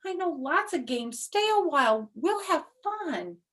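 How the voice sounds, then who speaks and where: A woman voicing a wily, cheerful trickster man in a storybook, with an animated, coaxing, mock-innocent manner. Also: sits high, a little slow, voice pushed up, full character voice. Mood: gleeful, coaxing.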